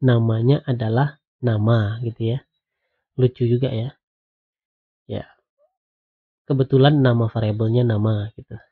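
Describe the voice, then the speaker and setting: A man giving a programming lecture while coding on screen, explaining slowly and patiently with lots of "nah" and "ya". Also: medium pitch, fairly even intonation, breathy edge. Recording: tinny phone-like audio.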